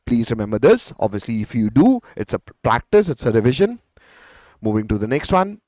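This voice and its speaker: A man's voice: mid-range voice, big pitch swings, fairly quick, darkish tone, dry recording. Indian man teaching, close dry sound. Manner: encouraging, coaching, often addresses students directly; mixes Hindi words into English. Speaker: chemistry teacher. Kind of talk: live online exam-revision lesson.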